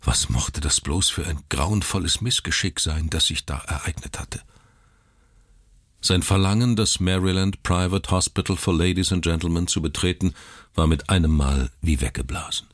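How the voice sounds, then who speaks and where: A man narrating a literary story in a measured, dramatic reading. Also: low voice, steady tone, no echo, clean studio sound.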